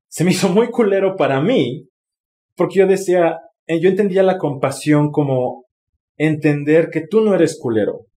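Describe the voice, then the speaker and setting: A man's voice: a little high, mellow. A man with a Mexican Spanish accent telling a personal story candidly, with swearing and lots of expression. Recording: roomy echo.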